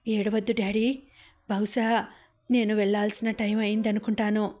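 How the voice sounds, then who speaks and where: A woman reading the lines of a gravely ill young woman in a weak, gentle, halting way. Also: medium pitch, little pitch movement, natural voice. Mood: tender, weak.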